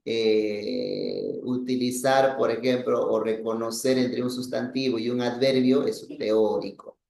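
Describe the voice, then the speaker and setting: A male teacher explains a language lesson at an unhurried pace. His voice has a gravelly, creaky edge. He repeats himself and checks in with "¿no?", heard in an echoey room. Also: mid-range voice, steady tone, mellow. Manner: explains patiently with many repetitions and "¿no?" checks.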